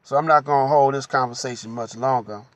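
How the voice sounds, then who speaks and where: As host, a medium-pitched man delivers an unhurried religious teaching at a slow pace. Frequent pauses and repeated "you know" mark his speech, and the recording is dry.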